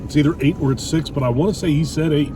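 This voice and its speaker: In a quick, somewhat high voice over music, a middle-aged man speaks bluntly and opinionatedly, swearing lightly, as he chats casually with his wife over a meal for his vlog. The recording uses a distant mic, with loud traffic and car noise.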